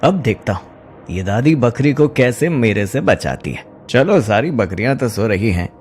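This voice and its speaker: A man's voice: medium pitch, very animated, unhurried, darkish tone, faint music behind. A man voicing a greedy, scheming young goat thief who wheedles and mocks with a sly tone.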